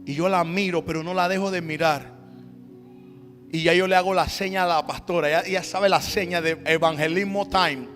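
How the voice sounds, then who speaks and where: High-voiced pastor preaching. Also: male voice, steady tone, moderate pace. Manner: storytelling, building to loud emphatic calls. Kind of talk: sermon with personal story. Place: church hall. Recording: reverberant church hall with soft music.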